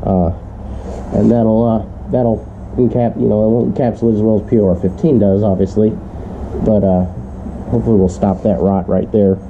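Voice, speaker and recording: A man's voice: lowish voice, level tone, normal speed. A man with a stuffy, congested voice, rambling with lots of fillers as he narrates a car repair. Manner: rambling, filler-heavy, mildly profane. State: congested from a cold, stuffy nasal voice. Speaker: car hobbyist doing repairs. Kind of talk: casual DIY narration while working. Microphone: action camera on the job. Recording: dull lo-fi camera audio with noise.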